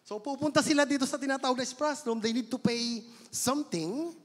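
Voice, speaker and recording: A man's voice: very high-pitched, fairly quick, a bit bright. A man with a Filipino accent preaching a sermon in a church, switching between Tagalog and English and stretching out words for emphasis. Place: church hall. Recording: long church hall reverb.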